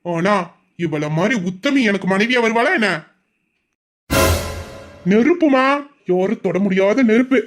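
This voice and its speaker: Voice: medium pitch, lively intonation, measured pace, long pauses, faint music behind, close to an everyday voice. A performer voicing a domineering, boastful young man with an obsessive streak, in an audio drama. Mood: defiant boasting. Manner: boastful, menacing.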